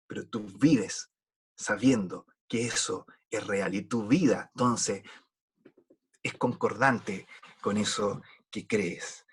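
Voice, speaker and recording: A man's voice: fairly low pitch, slow, a little hiss or hum. A man preaching a sermon in an earnest, pleading way, often repeating words as he restarts a thought.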